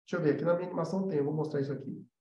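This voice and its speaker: Talking very fast in a mellow, a little high voice with fairly even intonation, a Brazilian man leads a live animation lesson. He's informal and emphatic, going back over key points and making sure his audience follows. Echo from the room makes the audio slightly dull.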